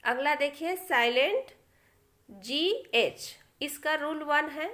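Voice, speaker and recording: Slow high-voiced Indian woman teaching. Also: expressive, bright, forceful tone. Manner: slow, explanatory, addresses students as children, reads rules aloud very slowly. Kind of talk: English pronunciation lesson explained in Hindi.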